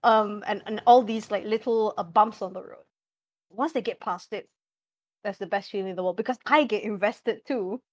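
A woman's voice: medium pitch, normal speed, no room sound. A young woman chatting casually as a podcast guest about running tabletop games, talking loosely with many fillers and frequent laughter. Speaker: podcast guest, game master.

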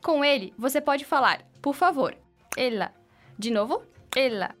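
Lively high-voiced young Brazilian woman presenter. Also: moderate pace, faint music behind. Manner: playful, expressive delivery. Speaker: student radio co-host. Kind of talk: scripted radio presenting.

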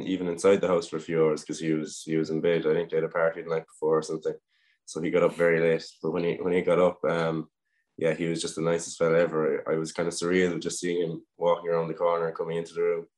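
A young Irish man in his twenties, a guest footballer telling a story in a casual interview, relaxed and anecdotal with frequent "um" pauses. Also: low-pitched. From Ireland.

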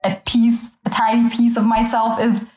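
A woman's voice: on the high side, monotone, moderate pace, mellow. A woman in her twenties who grew up in Italy, a guest on a casual podcast, talking in an easygoing way and agreeing a lot. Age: 20s. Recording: roomy echo.

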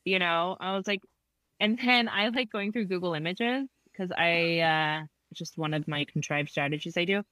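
A woman therapist telling a story in a casual conversation, animated, laughing often and acting out quotes. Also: fairly low pitch, moderate pace, no room sound.

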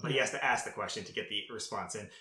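A man's voice: on the low side, racing, sharp tone, echoey room, a little hiss or hum. A young man casually recapping an anime on a podcast, rambling, laughing often and acting out characters' lines. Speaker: podcast co-host.

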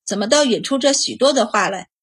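A woman's voice: a little high, expressive, a little fast, slightly rough. A woman voicing a troubled nobleman, head of a household, in a storybook reading. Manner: uneasy, questioning.

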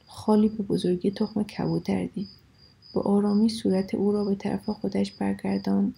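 A woman narrating a story in a measured, steady reading voice. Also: medium pitch, vocal fry, husky, rough recording.

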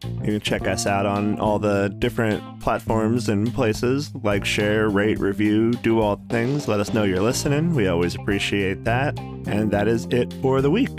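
A man in his thirties co-hosting a podcast, chatting in a relaxed, chuckling way. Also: fairly low pitch, normal speed, over music. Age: 30s. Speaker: podcast co-host. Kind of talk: casual chat.

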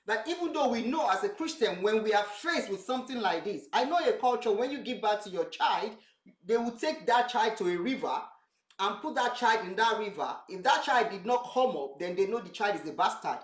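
A woman's voice: a little high, expressive, fairly quick, echoey room, poor audio. A Nigerian woman with a Yoruba accent, co-hosting a church talk show, earnest and searching for her words. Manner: earnest, repeats words while searching for phrasing. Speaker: co-host, pastor's wife.

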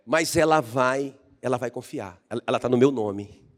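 A man's voice: medium pitch, normal speed. A Brazilian man preaching a fervent, emphatic sermon as a pastor, often asking the congregation if they understand. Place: church hall. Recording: echoey hall reverb.

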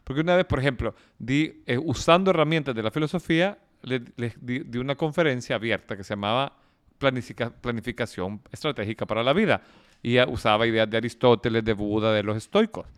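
A man's voice: medium pitch, brisk, clean tone. A man, a philosophy teacher, telling stories animatedly in a casual podcast chat. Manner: animated storytelling, quotes others in raised voice.

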